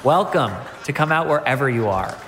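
A man's voice: mid-range voice, lively intonation, normal speed, over music. An American man hosting a podcast interview, bubbly and playful in a theatrical way. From United States. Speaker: podcast host.

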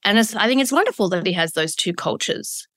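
A woman's voice: medium pitch, expressive, fairly quick, a bit bright, no room sound, studio quality. A woman in her thirties with a broad Australian accent, speaking candidly and emphatically as an interview guest, reflective and conversational. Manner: candid, emphatic, piles up synonyms.

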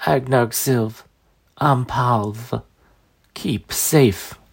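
A man voicing a wounded, dying old woman who pleads desperately in broken, raspy, gurgling speech with a foreign accent. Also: medium pitch, very slow, voice pushed up, exaggerated voice. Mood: desperate pleading. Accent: foreign, broken common tongue.

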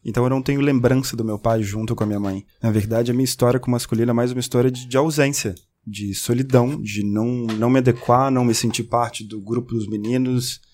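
Casting: Brazilian man, frank and reflective, fast talker, middle pitch. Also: steady tone, darkish tone. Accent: Brazilian Portuguese. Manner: reflective and candid. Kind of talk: casual podcast conversation.

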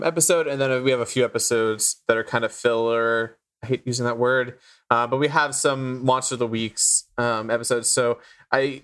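A man's voice: medium pitch, fairly bright tone, clean tone. A man co-hosting a casual podcast, talking loosely with lots of fillers. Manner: rambling, many fillers. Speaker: podcast co-host.

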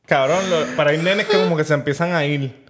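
A man's voice: on the high side, fairly quick, over a noisy crowd. A man with a Puerto Rican accent co-hosting a podcast, chatty and nostalgic about school days. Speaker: podcast co-host. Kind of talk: casual chat.

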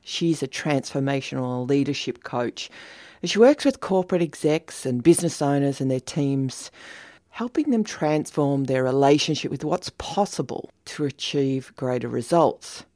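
A woman with a notably low voice hosts a podcast, introducing her guest with enthusiasm. The sound is dry and close, with no room echo. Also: lively intonation, unhurried, warm tone. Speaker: podcast host. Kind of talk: podcast interview.

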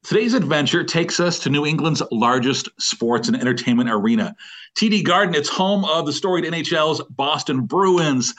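Higher-voiced man hosting a podcast. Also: a bit bright. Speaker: podcast host.

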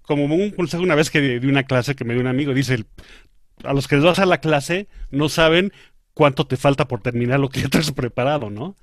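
A man chats loosely, laughs easily and uses street slang. He often pauses while he tries to recall a story. His voice sits at a middle pitch and sounds dry and close. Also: no room sound. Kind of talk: casual chat.

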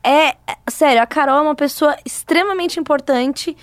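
A podcast co-host talks in casual, effusive chat, leaning hard on emphasis. Her voice is high. The sound is close and dry. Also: moderate pace, no echo.

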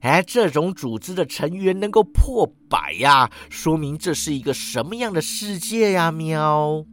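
A man's voice: on the high side, very animated, unhurried, a bit bright. A man voicing a smug meowing orange cat. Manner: ends lines with a meow, drawling. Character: smug lazy male talking orange cat.

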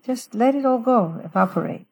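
A woman guiding a breathing meditation in a soothing sleep-story manner, giving gentle, unhurried instructions with long pauses. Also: a little high, animated, slightly rough, poor audio. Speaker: guest author leading a guided breathing meditation.

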